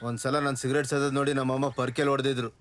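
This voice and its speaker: A man playing a brash, grieving son who talks fast. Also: medium pitch, little pitch movement, a bit bright, lightly acted. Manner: rapid, blunt, bossy. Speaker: son back from abroad for his mother's funeral. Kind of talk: film dialogue, dubbed.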